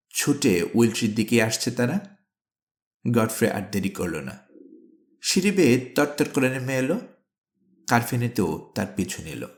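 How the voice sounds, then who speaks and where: A man narrating an adventure storybook in a steady, dramatic storytelling manner. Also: medium pitch. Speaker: audiobook narrator. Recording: echoey room.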